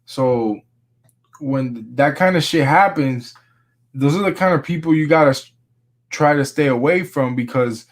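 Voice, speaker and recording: A sneaker vlogger from Miami, Florida chats casually about sneakers in a medium-pitched voice at a measured pace. He's laid-back and slangy, saying "bro" a lot.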